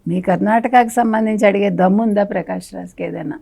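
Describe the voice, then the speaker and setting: A woman's voice: medium pitch, a little fast, creaky, warm tone. A woman guest on a political talk show, scolding and firing off rhetorical questions, now and then slipping English phrases into her speech.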